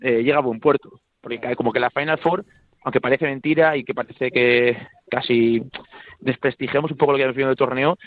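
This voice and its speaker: Man, sports pundit, very fast, emphatic, repeats himself, tinny phone line, dry. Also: medium pitch, steady tone, no echo. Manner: rapid, emphatic, repeats phrases while building points. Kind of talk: radio sports debate.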